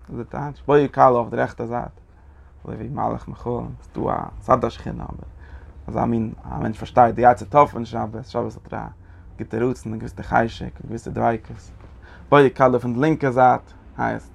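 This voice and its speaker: A man giving a Torah study lecture, halting and repeating his phrases as he works through the text. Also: medium pitch, gravelly. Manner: halting, repeats phrases, mixes Yiddish and Hebrew terms into German. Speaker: Torah teacher.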